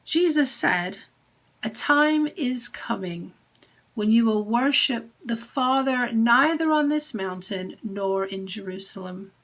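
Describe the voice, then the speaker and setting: An English woman minister giving a gentle, deliberate recorded sermon message. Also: fairly high pitch, lively intonation, rough recording.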